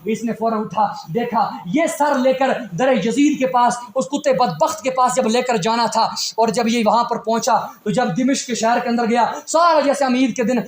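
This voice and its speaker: Man preaching a religious story, really high voice, gets fired up and shouty, echoey room. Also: hardly any pauses. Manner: impassioned, rising to shouted emphasis. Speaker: Quran reciter and preacher. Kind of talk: emotional religious storytelling sermon. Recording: roomy echoey sound.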